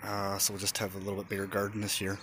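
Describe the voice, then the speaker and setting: Low-voiced man rambling in a backyard. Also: monotone, very fast, sharp tone, a little hiss or hum. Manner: rambling, swears when straining, many fillers. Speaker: vlogger. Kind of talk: casual show-and-tell. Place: backyard outdoors. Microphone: handheld phone camera.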